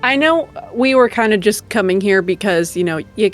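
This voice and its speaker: Questioning woman player, soft-spoken. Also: mid-range voice, expressive, normal speed, faint music behind. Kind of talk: casual chat at a tabletop game.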